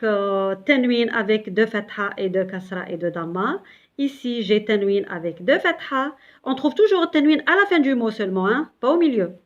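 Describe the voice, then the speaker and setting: A woman teaches Arabic to beginners in a slow, step-by-step lesson, her voice a little high. The recording has its highs cut off. She patiently repeats syllables, occasionally hesitating with fillers.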